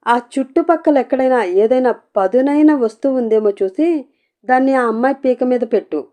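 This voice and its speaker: A woman's voice: high-pitched, moderate pace, warm tone, pitched above the performer's own voice, natural voice. Woman doing a cheeky, scheming young woman. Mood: teasing. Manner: teasing, brash.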